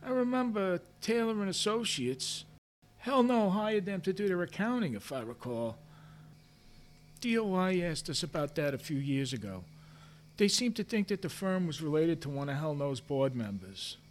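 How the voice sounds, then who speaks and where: A gossipy, defensive middle-aged office worker with a high, very lively voice that leaps about. He hedges every answer and sinks low on his asides, with a faint hum behind him. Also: moderate pace. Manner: hedging, self-justifying, drops voice for asides.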